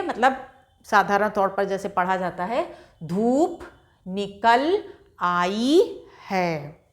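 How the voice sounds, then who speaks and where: A woman's voice: mid-range voice, a bit bright. A woman teaching Hindi reading at a board, spelling out each syllable patiently and repeating words for beginners, with an Indian Hindi accent. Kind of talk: slow board lesson, syllable by syllable.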